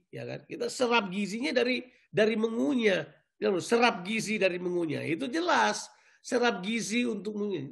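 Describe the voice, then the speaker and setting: A male pastor preaching a sermon in a lively, joking way, repeating key words back to the congregation. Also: sits high, creaky.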